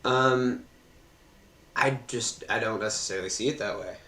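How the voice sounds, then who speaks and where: Low-voiced man in an echoey room. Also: moderate pace, pushed and bright. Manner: easygoing, hedging with fillers, laughs often. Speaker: stream host debating a guest. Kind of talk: casual political debate. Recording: echoey room with faint ambient hiss.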